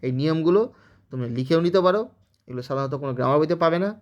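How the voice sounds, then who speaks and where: A man's voice: fairly high pitch, very fast, lo-fi sound. A man teaching English grammar in Bengali with a West Bengal accent, explaining step by step and checking in with students. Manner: explains step by step with frequent "okay?" check-ins. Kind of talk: spoken grammar lesson.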